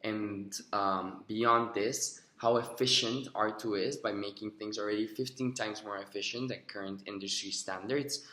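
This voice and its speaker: A young man speaks in a somewhat low voice, delivering prepared answers for a video job interview. His talk is earnest and a little rehearsed, with the odd "um". The sound is roomy and echoey. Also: steady tone, normal speed, few pauses, pushed and bright. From Costa Rica. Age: young adult. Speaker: job applicant. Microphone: recorded himself on video.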